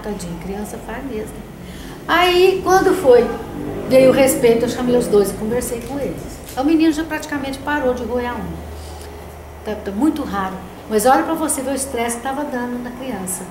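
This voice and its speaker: An older woman leading a spiritist study group, telling stories conversationally and often tagging phrases with a questioning "né?". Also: fairly high pitch. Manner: anecdotal, conversational, frequent "né?". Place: meeting room of a spiritist center. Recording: roomy echo with background noise.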